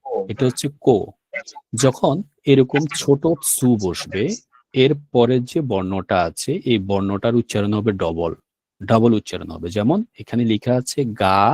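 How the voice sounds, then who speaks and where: A man's voice: lowish voice, darkish tone, no room sound. Patient male teacher, dry sound. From Bangladesh. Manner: patient, repeats words and checks understanding. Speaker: Japanese language teacher. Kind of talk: classroom lesson explaining vocabulary.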